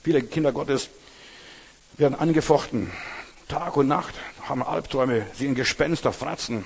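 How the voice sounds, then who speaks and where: A man preaches with insistent emphasis, hammering home his points through repetition and asking his listeners direct questions. His voice is husky and mid-pitched. The sound rings with the long reverb of a large hall. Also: normal speed. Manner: emphatic, repeats phrases for stress. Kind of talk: sermon.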